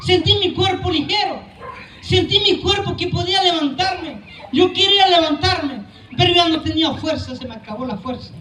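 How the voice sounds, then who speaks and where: A man giving an impassioned testimony at a church service, preaching fervently and often shouting, with many repetitions. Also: very high-pitched, normal speed, recorded from a distance, a little hiss or hum. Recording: echoey church room.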